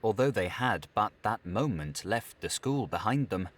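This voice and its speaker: A man reading an audiobook with expressive, theatrical narration. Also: fairly low pitch, unhurried. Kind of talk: scripted narration.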